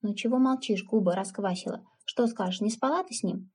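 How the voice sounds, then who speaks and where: A woman's voice: medium pitch, a little fast, darkish tone, husky, natural voice. A woman voicing a blunt, stubborn older village aunt who scolds and mocks in folksy speech. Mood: scolding.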